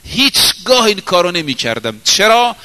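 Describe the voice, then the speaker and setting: This man's sermon is a dramatic story, delivered in a high, sing-song voice that rings through a big room. He alternates loud exclamations with softer, slower moments.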